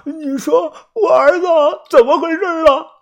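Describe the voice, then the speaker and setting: A male narrator voicing a shrill, hot-tempered village woman in her seventies, wailing and scolding in an audiobook story. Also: unhurried, gravelly, heavily acted. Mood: frantic. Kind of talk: audiobook character voice.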